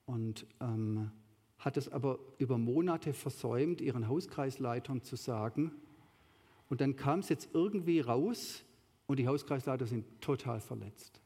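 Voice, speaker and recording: A man's voice: medium pitch, lively intonation, unhurried, mellow, breathy edge. A man giving a sermon with slides, talking conversationally and rising to emphatic peaks. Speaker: preacher. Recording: long hall reverb.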